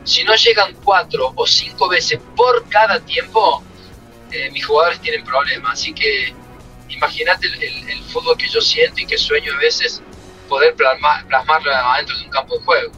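A man's voice: a little high, huge pitch swings, normal speed, sharp tone, lo-fi sound, faint music behind. A middle-aged man with an Argentine Spanish accent, a former footballer and coach telling stories from his career in an interview. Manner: emotional, reflective storytelling. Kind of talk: interview answers.

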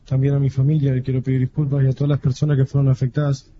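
A young man in his twenties, a defendant, giving a formal, halting apology and repeating his words. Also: medium pitch, completely flat delivery. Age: 20s. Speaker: defendant making a statement in court. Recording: dull court audio with faint ambience.

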